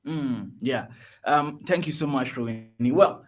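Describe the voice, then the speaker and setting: A man from Togo talks as a guest on a video call, animated and emphatic, often repeating words and tossing in jokes. His voice sits at an ordinary middle pitch, the delivery of a practised speaker. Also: measured pace. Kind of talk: interview guest telling his life story.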